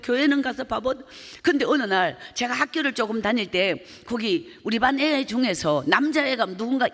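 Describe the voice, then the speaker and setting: A woman's voice: high voice, a bit bright. A woman evangelist giving an emotional testimony sermon, telling her story vividly and acting out the voices in it. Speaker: evangelist preacher. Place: church sanctuary. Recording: long church hall reverb.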